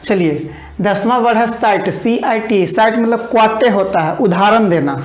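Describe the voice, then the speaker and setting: A woman teaching English vocabulary in an online exam-prep lesson, explaining each word and then dictating it slowly with repetitions. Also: mid-range voice, reverberant, slight background noise.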